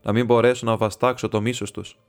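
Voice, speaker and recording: A man's voice: medium pitch, flat delivery, lightly acted. A man reading as a scornful proud nobleman. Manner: mocking and defiant. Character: proud scornful male nobleman making a bitter confession.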